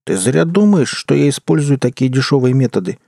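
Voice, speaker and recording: A man's voice: medium pitch, sing-song, fairly quick, gravelly, warm tone, dry recording, clean studio sound, voice pushed up. A man voicing a scornful otherworldly male tempter who taunts and warns, in an audiobook. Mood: taunting. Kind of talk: audiobook character voice.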